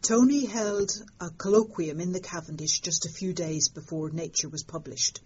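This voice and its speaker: An older woman talks through a discovery in a relaxed interview, wry and vivid. Her voice sits low and sounds husky. The recording is somewhat dull and lo-fi. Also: normal speed. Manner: lively storytelling, fond of understatement. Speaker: interviewed astronomer. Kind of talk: conversational interview.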